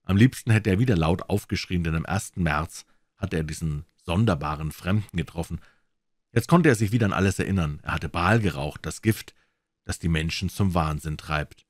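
Deep-voiced man narrating a crime story. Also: normal speed, no room sound, clean studio sound. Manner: dramatic, expressive reading. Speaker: audiobook reader.

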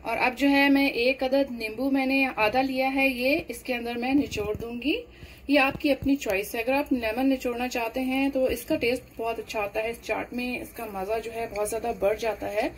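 A woman narrates a home cooking demonstration in a slightly high voice. She moves unhurriedly from step to step, padding her sentences with fillers. A faint room hum sits under the recording. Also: fairly even intonation, low-quality recording. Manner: unhurried, explains each step with many fillers. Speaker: cooking channel host.

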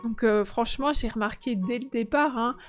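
A woman's voice: a little high, moderate pace, close to an everyday voice. Woman playing a doting, teasing mother. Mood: fond. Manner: fond, teasing.

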